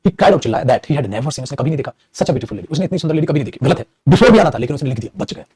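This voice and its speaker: Male grammar teacher, mellow slightly high voice, dry close sound. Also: big pitch swings, breathy edge, no room sound. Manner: calls students "beta", reads sentences slowly. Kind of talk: exam error-spotting lesson.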